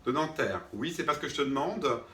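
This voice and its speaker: A man's voice: mid-range voice, lively intonation, fairly quick, a bit bright, lightly acted. A man playing an irritated drama teacher who talks to unseen students, patient at first and then fed up, always asking if they agree. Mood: exasperated. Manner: patient then irritated, keeps checking with "d'accord?". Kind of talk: comic one-man sketch. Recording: roomy sound, mic far off.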